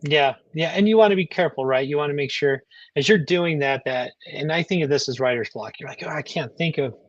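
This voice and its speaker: A man's voice: fairly high pitch, fairly quick, dry recording, highs cut off. A man co-hosting a live talk on workplace HR, speaking in an earnest, explanatory way. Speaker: HR co-host. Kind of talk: casual live show chat.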